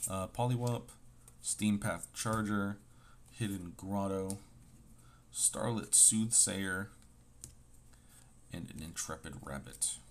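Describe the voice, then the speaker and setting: A man's voice: low-pitched, slow, long pauses, slight background noise. A man casually chatting with a sore throat as he opens card packs, reading card names aloud with playful asides. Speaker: host opening trading card packs. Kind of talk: casual chat.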